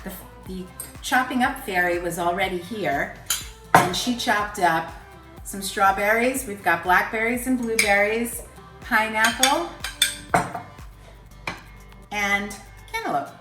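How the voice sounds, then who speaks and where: A woman's voice: mid-range voice, slow pace, pauses often. A woman hosting a casual cooking show, explaining each step in a kitchen. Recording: echoey room, mic far off, background music.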